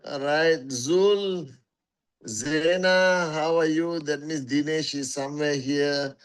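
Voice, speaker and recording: A man's voice: a little high, fairly even intonation, slow, smooth. A man hosting a casual livestream for his network marketing followers, greeting viewers one by one as warriors and repeating phrases for emphasis, on a phone mic.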